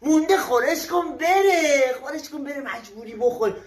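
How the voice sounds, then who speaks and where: A woman playing a blustering, scheming father in a comedy sketch, talking in loud, scolding bursts. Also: high voice, expressive, echoey room.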